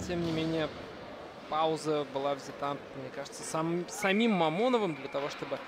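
A man giving unscripted live ice hockey commentary, often pausing mid-sentence to find words. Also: on the high side. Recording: loud rink noise behind the voice. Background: noisy indoor ice rink.

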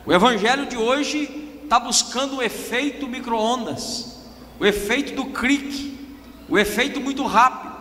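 A man preaching a sermon as pastor with a Brazilian Portuguese accent, shouting emphatic repetitions. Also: very high voice, measured pace. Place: church hall. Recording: echoey hall, long reverb.

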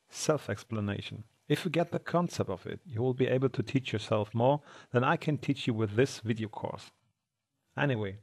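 A man's voice: mid-range voice, vocal fry. Man with a German accent teaching. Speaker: course instructor. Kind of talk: scripted tutorial introduction.

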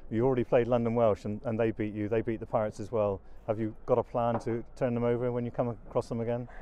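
A man's voice: medium pitch, level tone, fast talker, lo-fi sound. An older man presenting club TV, interviewing players and coaches outdoors at a floodlit rugby ground after a match.

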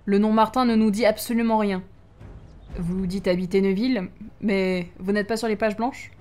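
A polite, formal old man in his eighties from a read-aloud story, as a woman puts him on. He speaks in measured, courteous sentences at a middle pitch. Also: fairly even intonation, mellow, close to an everyday voice. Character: formal elderly retired male firefighter, in his eighties.

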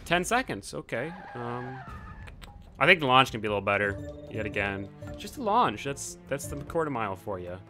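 A young man hosting a channel chats casually over a racing game, his mid-range voice swinging widely in pitch at a moderate pace, pushed and bright. He often erupts in frustration and swears. Game audio, car engines, and music run beneath his voice.

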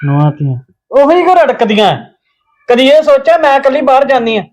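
A man plays a resentful young husband confronting his sister in a web family drama. He speaks in a very high voice for a man and is accusing and bitter throughout. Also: animated, fairly quick, darkish tone, poor audio.

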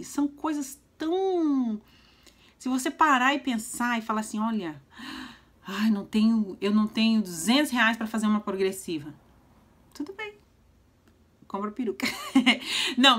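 A middle-aged Brazilian woman vlogging in a chatty, emphatic way, swinging between loud and soft. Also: on the high side. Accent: Brazilian Portuguese. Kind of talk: casual motivational vlog talk.

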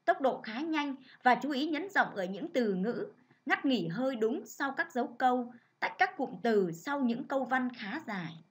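A woman teacher leads a reading lesson for children. She reads in a clear, measured, instructive way. Her voice sits a little high. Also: expressive. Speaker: primary school teacher.

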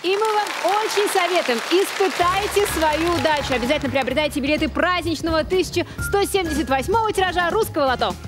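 A woman's voice: very high-pitched, quick pace, few pauses, crowd noise. A woman in her thirties co-hosting a televised lottery draw, announcing the numbers. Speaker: co-host repeating drawn numbers. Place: large TV studio. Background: music under the voice.

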